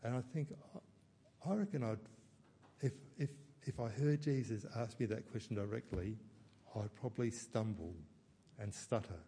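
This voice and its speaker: Aussie pastor guy giving a sermon, low mellow husky voice, thinks out loud and second-guesses himself. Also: normal speed. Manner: reflective, self-questioning, with soft laughs and restarts.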